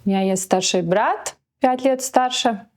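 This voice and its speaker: A young Latvian-accented woman chats casually as an interview guest, hesitating with many fillers and dropping English words into her speech. Her voice is fairly high and a little slow.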